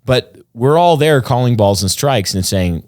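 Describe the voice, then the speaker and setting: A man's voice: mid-range voice, animated, unhurried, darkish tone, no room sound, studio quality. A man, a pastor and podcast co-host, explaining his views in an earnest, rambling conversational way with frequent restarts. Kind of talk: casual conversational podcast chat.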